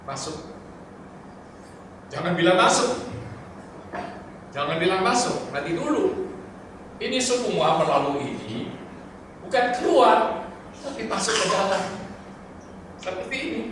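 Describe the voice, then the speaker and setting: An older man, a pastor, teaching a seminar sermon who mixes English phrases into his talk and swings between loud emphatic bursts and quiet low asides, recorded from far off in a large hall. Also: sing-song, measured pace, pauses often. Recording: very echoey hall, distant mic, noisy.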